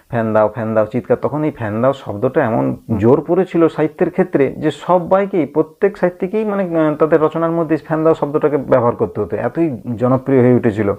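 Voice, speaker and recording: Gravelly-voiced man teaching over tinny audio. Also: mid-range voice. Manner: thinking aloud with frequent hums and restarts. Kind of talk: reading and explaining a play in a lesson.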